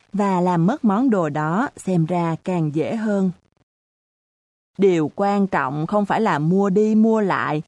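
A woman narrating an audiobook in a measured storytelling manner. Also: on the low side, dark tone, dry recording. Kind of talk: scripted narration.

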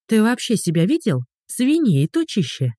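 A narrator voicing a sharp-tongued, quarrelsome young woman who mocks a man in an audiobook. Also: mid-range voice, wildly swooping pitch, moderate pace, dry recording, clean studio sound, pitched above the performer's own voice. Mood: sarcastic. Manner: sarcastic, mocking. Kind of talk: audiobook character voice.

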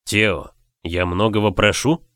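A man's voice: fairly low pitch, steady tone, slow, fairly bright tone, dry recording, clean studio sound. A man voicing a stern noble husband in an audiobook, speaking coldly in clipped, lecturing sentences. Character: stern lord husband, cold and controlled.

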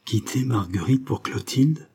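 Young lover, read by a man, earnest, emotional, low voice. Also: expressive, a little slow, dark tone, husky, full character voice. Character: impassioned young man in love.

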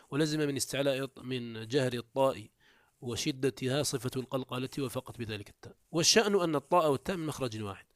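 A man teaching a classical grammar lesson, explaining step by step, asking and answering his own questions and slowly repeating words to drill them. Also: medium pitch, no room sound, studio quality. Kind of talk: classical Arabic morphology lesson.

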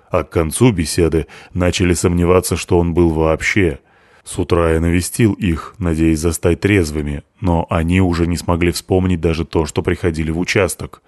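A man voicing a formal, methodical police deputy who reports in a measured way. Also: low voice, little pitch movement, a little mellow, dry recording, clean studio sound, close to an everyday voice.

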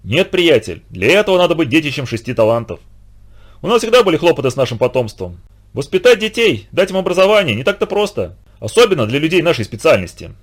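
Man playing a whiny fawning old bandit. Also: fast talker. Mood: boastful. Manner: self-pitying and flattering, raised pitch. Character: whiny, fawning, conceited adult male bandit.

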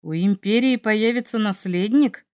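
A woman's voice: mid-range voice, moderate pace, a little mellow, natural voice. A woman reading as a cocky young male dragon. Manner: teasing, self-assured. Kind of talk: audiobook character reading.

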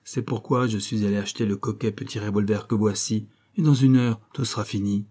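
A man's voice: fairly low pitch, fairly even intonation, brisk, mellow, close to an everyday voice. A man voicing a distraught young man who talks in a plaintive, stammering and agitated way, in an audiobook. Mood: plaintive despair. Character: distraught young man, rich man's son, despairing. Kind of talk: audiobook character voice.

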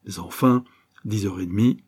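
Low dark male narrator, husky, measured audiobook reading. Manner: measured, literary. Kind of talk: scripted narration.

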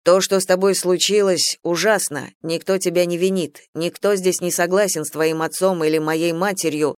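A man's voice: sits high, steady tone, normal speed, clear, resonant tone, lightly acted. An exasperated young male general, as an audiobook narrator reads him, firm and curt. The reading is dry and close, with no room echo.

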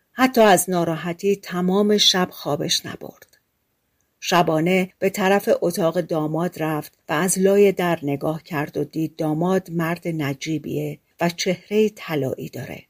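A woman's voice: fairly low pitch, darkish tone. A woman reading a fairy tale aloud as an audiobook narrator, giving the characters' lines within the story.

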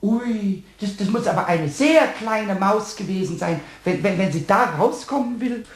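Pumuckl, a squeaky stammering kobold. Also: male voice, expressive, normal speed, breathy edge. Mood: curious. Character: small mischievous male kobold, cheeky and excitable. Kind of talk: radio play acting.

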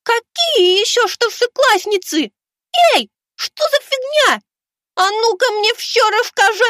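A man voicing a hot-tempered young schoolgirl with a lisp who shouts insults. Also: extremely high pitch, expressive, slow pace, no echo, studio quality, pitched above the performer's own voice, full character voice. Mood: angry. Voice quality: lisping.

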